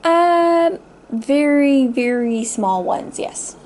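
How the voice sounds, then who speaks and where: Slow-paced woman in a pictionary guessing game. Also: high voice, expressive, darkish tone, faint music behind. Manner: halting, pauses to search for words. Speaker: player in a drawing guessing game. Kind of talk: casual pictionary guessing game chat, giving drawing instructions.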